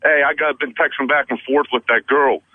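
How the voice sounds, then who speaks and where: A man's voice: mid-range voice, fairly even intonation, a little fast, dry recording. A man calling in to a radio show, chatting casually over a thin phone line. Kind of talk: casual chat.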